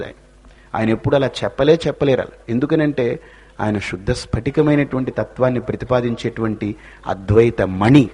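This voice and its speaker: A man delivers a spiritual discourse in a husky, breathy voice of middle pitch. He moves through stories with animated emphasis and pointed rhetorical questions. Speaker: religious speaker.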